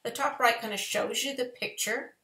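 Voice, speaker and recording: A woman's voice: fairly high pitch, fairly even intonation, moderate pace, bright, forceful tone. A woman, giving a chatty, folksy step-by-step painting lesson in a live tutorial. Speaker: painting teacher. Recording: echoey room.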